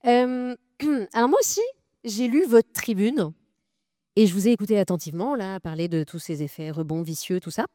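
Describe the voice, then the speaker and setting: Lady moderator, warm low-key voice, dry close sound, lots of ums. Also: moderate pace, no room sound. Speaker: debate moderator. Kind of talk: debate questioning.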